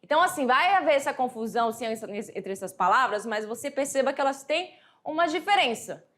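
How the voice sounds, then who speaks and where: A woman teaching English to high school students, explaining patiently and reading the English examples out slowly. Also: fairly bright tone. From Brazil. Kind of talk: classroom lesson explanation.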